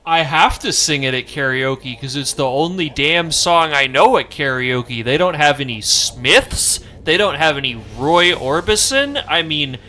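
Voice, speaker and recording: A gaming streamer, not from Maine, comments casually while playing, wry and self-deprecating, with half-mumbled asides. His slightly high voice is expressive, bright, and forceful, unhurried with few pauses.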